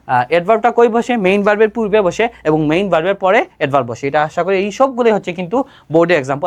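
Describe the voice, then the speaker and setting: An exam-prep grammar teacher, who asks students questions and answers them straight away. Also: medium pitch. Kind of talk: exam-prep lesson explaining grammar rules.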